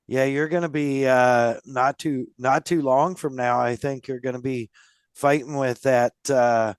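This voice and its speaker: A man's voice: medium pitch, steady tone, a little slow, smooth, no room sound, clean studio sound. A man hosting a casual podcast, friendly and loose, laughing often. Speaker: podcast host.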